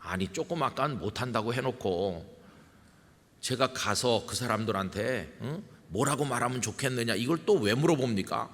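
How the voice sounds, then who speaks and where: A man's voice: mid-range voice, animated, normal speed, a bit bright. A middle-aged man, a senior pastor, preaching in a conversational way and putting questions to his congregation. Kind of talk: sermon. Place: large church sanctuary. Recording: church hall with long reverb.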